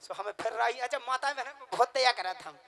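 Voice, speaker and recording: A male comedian, telling a comic story in an animated, rustic way. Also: very high voice, brisk.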